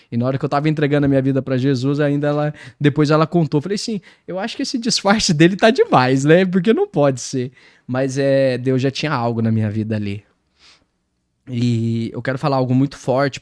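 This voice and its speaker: A man with a Brazilian accent giving a personal faith testimony, telling his story in a lively way and acting out his own past words. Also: medium pitch, no room sound, studio quality. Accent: Brazilian Portuguese.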